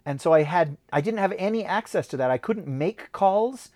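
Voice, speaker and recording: Lively American audiobook narrator. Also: mid-range voice, moderate pace. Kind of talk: casual podcast chat.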